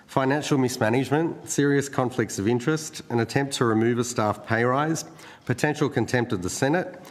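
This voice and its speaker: A man, a union official, reading a formal, measured opening statement to a committee. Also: medium pitch. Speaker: union division secretary. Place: committee hearing room. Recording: echoey hearing room with long reverb.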